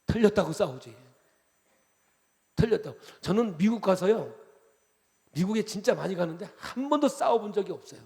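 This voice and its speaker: Male pastor from Chungcheong, revival sermon: a high, gravelly voice with a long church-hall echo, jokey and animated. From Chungcheong, Korea. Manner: animated, jokey preaching with quick shifts between loud and soft.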